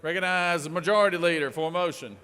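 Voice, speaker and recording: A man presiding over a legislature, moving through formal procedure with informal, drawn-out phrasing. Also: fairly high pitch, bright, forceful tone, smooth, faint music behind. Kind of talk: formal parliamentary procedure with offhand asides. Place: large indoor Senate chamber. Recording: echoey legislative chamber, long reverb.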